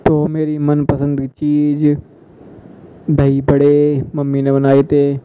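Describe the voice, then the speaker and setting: A man's voice: fairly high pitch, completely flat delivery, takes it slowly, clear, resonant tone. A young man vlogging his day in loose, rambling chatter with local dialect words. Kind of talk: casual vlog narration. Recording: slightly dull lo-fi phone audio.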